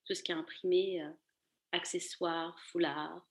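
A Parisian fashion accessories designer in her thirties is a podcast guest, answering casually in a loose, meandering way. Her voice is lowish and flat in delivery, and her pace is measured.

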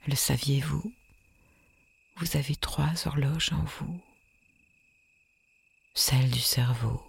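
A woman leading a guided sleep meditation in a soft, soothing, breathy whisper with long hypnotic pauses. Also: rumbling low.

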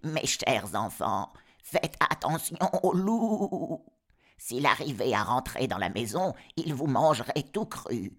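A man's voice: medium pitch, big pitch swings, takes it slowly, voice pushed up, exaggerated voice. Man doing a caring old mother goat. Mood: warning.

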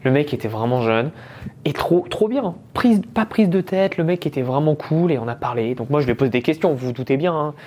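Speaking briskly with lively intonation, a French podcast host in his thirties recounts a story in an easygoing, talkative style. His voice is fairly high yet dark in tone, and he slips English business words into what he says.

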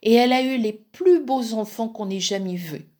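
A woman reading a fairy tale aloud as a museum storyteller, measured and expressive. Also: on the high side.

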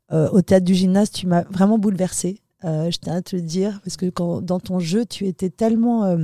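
A woman's voice: on the low side, no room sound, clean studio sound. A woman hosting an interview podcast, asking questions and encouraging her guest in a casual tone. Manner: warm, encouraging questions with short backchannels.

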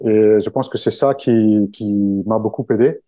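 In a casual interview, a book-summary creator from Italy speaks French with an Italian accent, hesitating on frequent fillers and restarting sentences. His voice is on the low side, mellow and dark, recorded dry and close without room echo.

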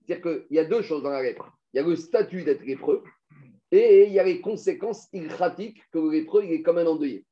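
High-voiced man teaching a Talmud class. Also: brisk, warm tone, lo-fi sound. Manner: explains step by step, asks students questions.

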